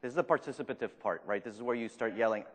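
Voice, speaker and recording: A man from Argentina, whose first language is Spanish but who speaks with a French accent, delivers a live talk in a large conference room with a fairly low voice and rapid-fire pace. He's self-deprecating and jokey, putting questions to the audience, and the hall is reverberant.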